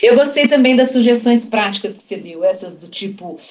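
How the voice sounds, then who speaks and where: A woman joins the online discussion and agrees with the speakers, often with a light laugh in her voice. Her pitch sits somewhat high. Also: expressive, a little fast. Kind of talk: casual chat.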